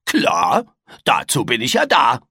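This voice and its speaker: Storybook creature, male, loud and bossy, pitched up and husky, read by a man. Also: huge pitch swings, measured pace, no echo, studio quality, heavily acted. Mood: cocky. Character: boisterous angry little male creature.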